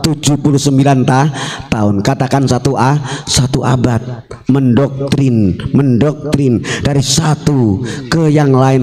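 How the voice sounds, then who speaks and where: A man with an Indonesian accent preaching a fiery sermon to a crowd, shouting and asking the listeners for agreement. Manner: shouting, swinging between soaring and low, asking the crowd "Betul?".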